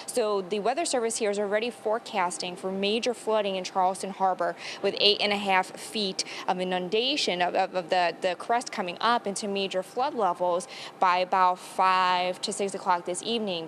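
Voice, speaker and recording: A woman's voice: medium pitch, a bit bright. A woman delivers a live TV weather report in a mid-range voice, explaining things conversationally. Light ambient noise sits behind her.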